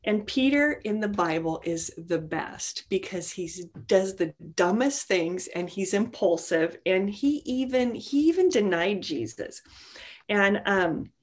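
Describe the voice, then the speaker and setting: A woman's voice: mid-range voice, lively intonation, measured pace. Chatty, earnest woman teaching scripture. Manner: chatty and earnest, full of "you know" asides. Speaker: women's Bible study teacher. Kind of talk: informal devotional teaching.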